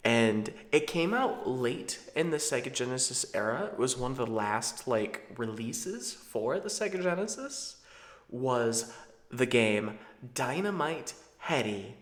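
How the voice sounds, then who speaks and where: A man's voice: medium pitch, big pitch swings, measured pace. A man in his thirties gives casual, rambling commentary as a channel host. His delivery is conversational and digressive, and the recording has a strong roomy echo. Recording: roomy, echoing sound.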